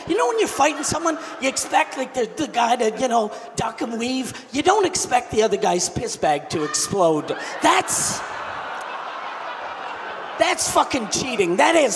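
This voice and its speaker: A man with a high, bouncing voice does crude stand-up, jumping from shouted punchlines to quiet muttered asides. He works a handheld mic on a big theater stage. The sound rings with a long hall reverb and steady crowd ambience. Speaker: stand-up comedian. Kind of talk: stand-up comedy set. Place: large theater at a comedy festival. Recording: live hall with reverb, audience noise.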